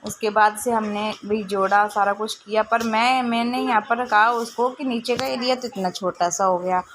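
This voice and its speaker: A woman's voice: a little high, fairly even intonation, normal speed, fairly bright tone, slight background noise. A woman in her thirties, a mother, narrating her home footage in a casual, amused, chatty way. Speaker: family vlogger.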